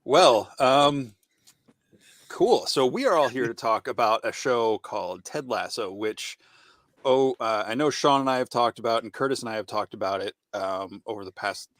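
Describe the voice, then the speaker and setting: A man's voice: medium pitch, normal speed, a bit bright, dry recording. A man hosting a casual podcast over a call, rambling through friendly introductions. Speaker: podcast host.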